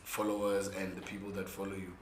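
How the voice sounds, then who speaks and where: Young male, South African accent. Hoarse, lowish voice, emphatic casual talk, roomy sound with faint noise. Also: completely flat delivery, quick pace. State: hoarse from gigs the day before. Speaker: interview guest, content creator and musician. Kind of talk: casual interview chat. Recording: echoey room with faint background noise.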